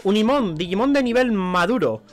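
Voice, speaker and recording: With soft music behind him, a gaming YouTuber from Spain jokes through a let's play, his high voice at normal speed and his Spanish accent clear. He stays animated and playful, now and then bursting into mock-dramatic cries.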